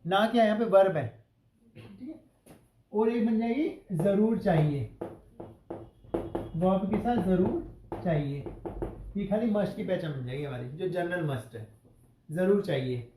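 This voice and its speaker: A man's voice: high-pitched, a little slow, long pauses, dark tone, reverberant, a little hiss or hum, poor audio. A male English teacher giving a classroom grammar lesson, asking the class questions and spelling out example sentences word by word.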